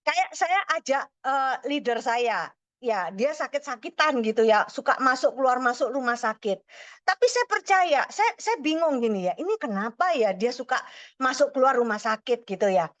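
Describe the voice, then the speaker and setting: A woman's voice: high-pitched, expressive, moderate pace. A woman giving a chatty morning devotional talk, telling personal stories and often adding little tag phrases. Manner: chatty, repeats "gitu ya" and "saudara", tells personal stories. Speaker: morning prayer speaker.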